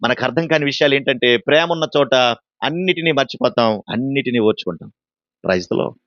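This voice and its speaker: A man's voice: medium pitch, expressive, a little fast, a bit bright, dry recording, highs cut off. A man preaching a sermon, asking his listeners questions and acting out the voices he quotes. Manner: preaching with rhetorical questions to the congregation. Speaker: pastor.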